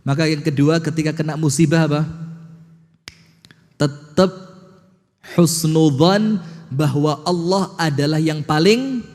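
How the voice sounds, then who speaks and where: A man preaching a sermon, telling a story rhetorical questions to the audience and slowly chanting verses. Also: a little high, darkish tone, big-room sound.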